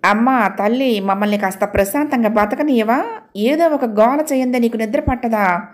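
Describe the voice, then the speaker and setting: A woman reading as a middle-aged mother in an audio novel. She is worn out and exasperated. The reader's voice is fairly high. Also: normal speed, natural voice.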